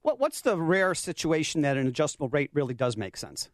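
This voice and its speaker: A man hosting a radio talk show, bantering in a lively, teasing way. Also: a little high, fairly quick, no room sound, clean studio sound.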